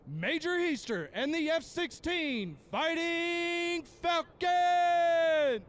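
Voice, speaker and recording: A man's voice: extremely high pitch, extremely slow. A man working as an airshow announcer, giving formal, scripted, dramatic commentary with a showman's delivery over aircraft noise. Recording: loud aircraft and outdoor ambience noise.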